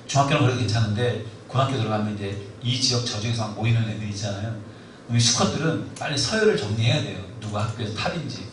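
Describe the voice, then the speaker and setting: Animated preacher in an echoey hall. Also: male voice, medium pitch, distant mic, a little hiss or hum. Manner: animated storytelling, acts out quoted lines. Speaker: preacher at a discipleship school. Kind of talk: sermon. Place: church hall. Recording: echoey hall, mic from afar.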